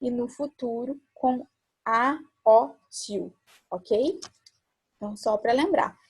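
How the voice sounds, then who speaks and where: A woman's voice: a little high, takes it slowly, darkish tone, husky. A woman with a Brazilian Portuguese accent teaching a recorded class, patiently repeating examples and asking rhetorical questions.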